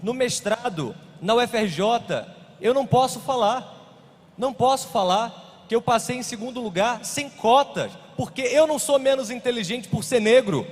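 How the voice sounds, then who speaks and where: Husky Brazilian man, earnest panel talk. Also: very high voice, lively intonation, normal speed. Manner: earnest, insistent, repeats phrases. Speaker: panel speaker. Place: conference hall. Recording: reverberant conference hall.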